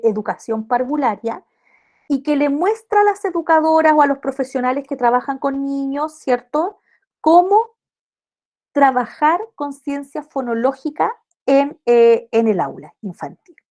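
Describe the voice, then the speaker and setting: A woman's voice: high voice, animated, a little slow, darkish tone. A woman giving a class lecture, explaining patiently and often checking in with tag questions. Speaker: university lecturer teaching early literacy.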